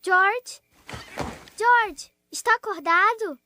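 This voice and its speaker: A woman voicing a lively, eager young girl piglet in a children's cartoon dub, with childlike delivery. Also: very high voice, extremely slow, a little hiss or hum, full character voice. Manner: childlike, pleading and exclaiming.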